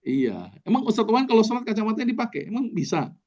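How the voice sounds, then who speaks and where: A man's voice: high voice, sing-song, quick pace, a little mellow, highs cut off. A man, a doctor, giving a casual online lecture, explaining step by step with frequent fillers.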